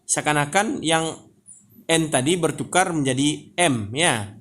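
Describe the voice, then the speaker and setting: A man teaching Quran reading, patiently explaining and drawing out example words very slowly. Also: fairly high pitch, expressive, fairly bright tone. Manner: patient, repeats "Bapak dan Ibu, ya" often.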